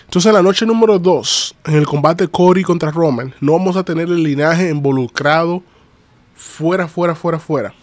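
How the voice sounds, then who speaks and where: A man, recapping wrestling on a casual live stream, chatty and animated, greeting viewers in the chat. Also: fairly high pitch, normal speed, dry recording.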